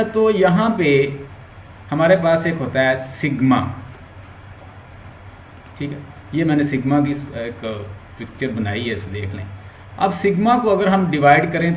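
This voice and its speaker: A male linguistics teacher with a Pakistani Urdu accent, giving an online lecture and explaining step by step while mixing English terms into his Urdu. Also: mid-range voice. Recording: roomy echo, faint background hum.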